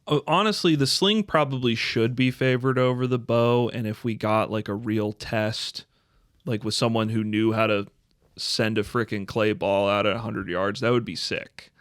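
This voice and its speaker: A man co-hosting a casual podcast, animated, laughing at his own jokes and using lots of fillers. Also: lowish voice, moderate pace, dry recording, clean studio sound. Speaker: podcast co-host.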